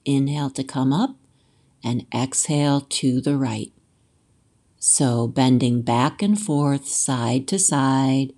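A woman instructor leading a yoga and breathwork class in a gentle, measured way, leaving pauses between short instructions. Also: low voice.

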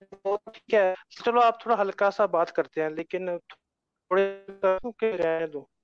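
A man's voice: high-pitched, takes it slowly, faint music behind. A male caller speaking hesitantly, his audio breaking up and cutting out over a call. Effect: choppy, breaking-up call audio. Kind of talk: casual call-in chat. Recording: lo-fi dull call line.

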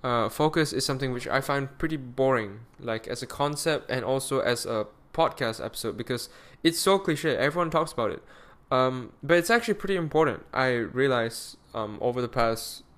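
A man's voice: medium pitch, animated, moderate pace, few pauses, a bit bright. Weary-voiced man rambling on his podcast. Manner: rambling, self-correcting, with frequent fillers. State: tired, weary voice. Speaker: podcast host. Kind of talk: solo podcast monologue.

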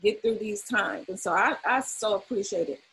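A woman speaking in a group call, sharing her week in a halting way and repeating her phrases. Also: mid-range voice, vocal fry, a bit bright, slightly rough, low-quality recording. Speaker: discussion participant.

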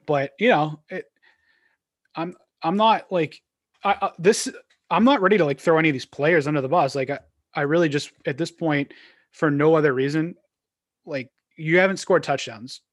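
A man with a somewhat high voice talks sports casually as a podcast co-host. He rambles, circles back and leans on fillers. The sound is dry and close, with no room echo. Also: normal speed. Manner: rambling, filler-heavy, restarts often.

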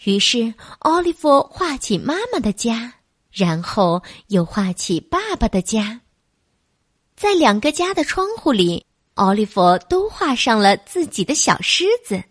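A woman narrating a children's bedtime story in a soft, coaxing way, calling the listener baby. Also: a little high, sing-song, unhurried, breathy edge, no room sound, clean studio sound.

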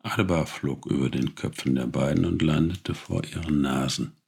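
A man narrating a storybook fable in a slow, deliberate reading voice that is gravelly and husky. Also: extremely low pitch, darkish tone.

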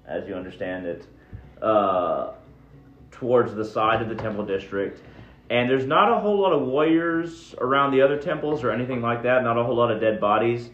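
A man runs a tabletop game, describing scenes in a loose, easygoing way and chuckling now and then. His voice sits at a middling pitch, and the dull recording sounds like it was made in a roomy space. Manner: laid-back, chuckling, descriptive. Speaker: game master.

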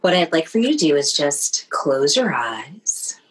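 A woman leading a guided meditation in a slow, soothing, hushed way, often dropping to a near whisper. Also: deep voice, very animated, slight background noise, low-quality recording.

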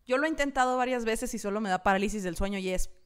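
Young Mexican woman, expressive storyteller. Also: a little high, very fast, clear, resonant tone. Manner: expressive storyteller, slangy, laughs often. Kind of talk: casual chat.

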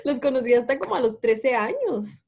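A woman's voice: on the high side, moderate pace. A woman telling childhood stories in casual chat, laughing often. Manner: laughing, lively storyteller.

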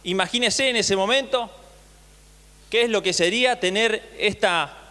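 Preaching in a hall with long reverb, a male pastor reads scripture aloud and retells it with acted voices, often putting questions to the congregation. His voice is high-pitched and sharp, and he takes his time.

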